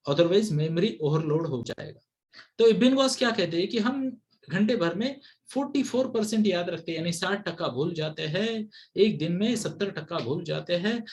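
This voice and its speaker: A man coaching parents on study habits over a video call, who mixes English into his Hindi and keeps asking his listeners to answer yes or no. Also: on the high side. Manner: mixes English into Hindi, asks the audience constant yes-or-no checks.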